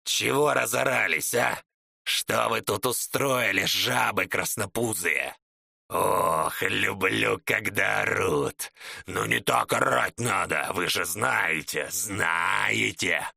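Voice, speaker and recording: A man's voice: on the low side, takes it slowly, gravelly, pushed and bright, husky, no room sound, clean studio sound, full character voice. Man growling as a bloodthirsty underworld prince. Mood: gleeful menace. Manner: growling, relishing cruelty.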